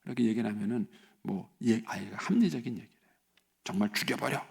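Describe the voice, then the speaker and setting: Gravelly-voiced man preaching casually. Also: fairly low pitch, expressive, quick pace, dark tone. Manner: conversational, many filler words. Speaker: pastor. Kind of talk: sermon at a dawn prayer service. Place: church. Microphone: live-stream recording.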